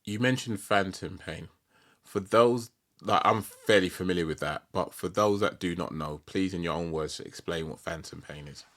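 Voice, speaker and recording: British male podcast host, deep voice, informal conversational delivery with reflective questioning. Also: normal speed, fairly bright tone. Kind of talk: conversational interview.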